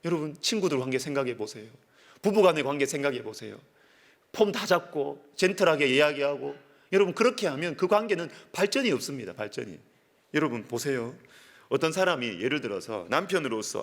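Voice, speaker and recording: Emphatic man preaching with sweeping pitch. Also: long reverb tail. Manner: emphatic, repeats words for stress, swings from loud to hushed. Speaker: pastor. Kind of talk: sermon.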